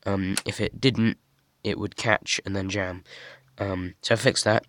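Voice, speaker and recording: A young man casually showing off a toy model he built, talking in a monotone with many fillers and restarts. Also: on the low side, unhurried, no room sound. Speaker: hobby builder showing a model. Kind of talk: casual show-and-tell.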